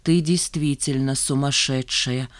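A woman's voice: a bass voice, steady tone, measured pace, no echo, clean studio sound. A woman reading an audiobook, voicing a mild, patient young man.

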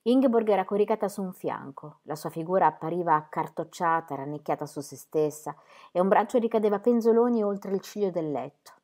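Lower-voiced woman reading a novel aloud. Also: lively intonation, brisk, a little mellow. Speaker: audiobook reader.

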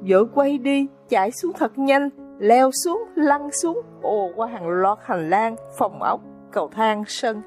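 A woman's voice: fairly high pitch, a little mellow. A woman narrating an audiobook in a dramatic, suspenseful storytelling manner.

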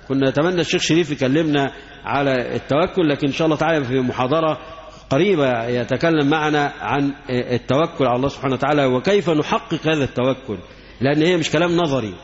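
A man's voice: fairly high pitch, a little hiss or hum. A man with an Egyptian accent giving a religious lecture, repeating himself and asking rhetorical questions. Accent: Egyptian Arabic. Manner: repetitive, asks rhetorical questions. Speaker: Islamic lecturer. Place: lecture hall. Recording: echoey hall, dull lo-fi sound.

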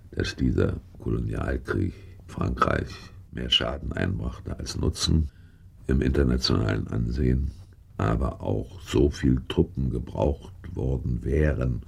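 A man answering in an interview, slow and deliberate, with a gravelly voice and repeated phrases. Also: a bass voice. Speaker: interviewed eyewitness.

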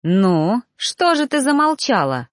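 A woman voicing a possessive young male lover in a storybook reading, talking low and intense. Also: sing-song, slow, no echo, clean studio sound. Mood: angry.

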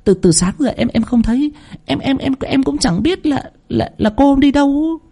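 A man's voice: extremely high pitch, lively intonation, moderate pace, gravelly, dark tone, pitched above the performer's own voice, exaggerated voice. Man doing a stammering panicked servant girl. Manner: stammering, breathless. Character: timid panicky young female servant girl.

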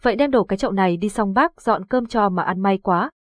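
A woman's voice: mid-range voice, fairly quick, dry recording, close to an everyday voice. Fretful middle-aged countrywoman, plain dry read, by a woman narrator. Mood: anxious. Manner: fretful, wailing. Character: frightened middle-aged village mother.

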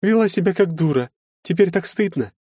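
A man reading an audiobook, voicing a shy, apologetic young woman in a soft, bashful voice. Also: sits high, animated, brisk, breathy edge, no echo, clean studio sound, pitched above the performer's own voice.

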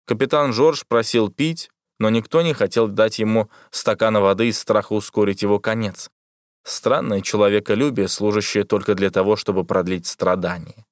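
Man narrating an audiobook, low calm voice, dry close sound. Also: normal speed, no room sound. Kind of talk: scripted narration.

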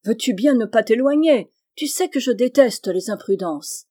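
A woman's voice: a little high, expressive, moderate pace, mellow. A woman reading aloud, voicing a fussy, timid middle-aged husband who frets in a prim, anxious way.

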